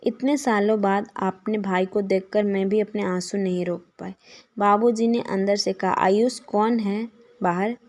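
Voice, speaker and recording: A woman narrating a family story in the first person, in a soft and emotional way. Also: medium pitch, steady tone, moderate pace.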